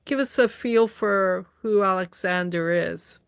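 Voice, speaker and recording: A woman's voice: medium pitch, unhurried, gravelly, clear, resonant tone, dry recording. Canadian woman hosting, dry sound. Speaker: interview host. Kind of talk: casual interview. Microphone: video call.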